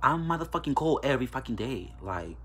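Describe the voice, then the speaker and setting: Delivering a casual solo podcast monologue, a Mexican-accented man in his twenties talks frankly and bluntly, full of fillers and curse words. He speaks at medium pitch, briskly, with big pitch swings. Slight background noise is present.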